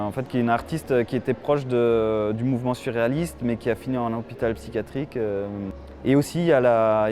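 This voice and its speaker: A man's voice: medium pitch, mellow. A man in his thirties from Germany, an animation film director giving a festival interview, hesitant with many fillers and restarts.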